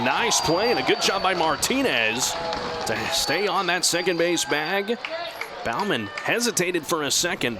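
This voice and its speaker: A man works as a radio announcer calling baseball play-by-play, shifting between measured description and excited calls. His pitch is fairly high, and the recording is very noisy.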